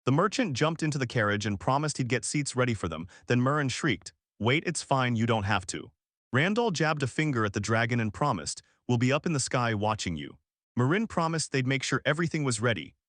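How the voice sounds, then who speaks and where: A man's voice: medium pitch, expressive, a little fast, fairly bright tone, no room sound, studio quality. A man narrating a story recap in a dramatic, punchy scripted read.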